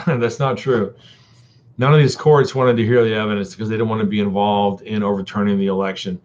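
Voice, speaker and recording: Man, lowish voice, folksy rambling live-stream chat full of fillers, muffled lo-fi audio. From Texas. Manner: rambling, many ums and uhs; folksy, addresses viewers as buddy and dude.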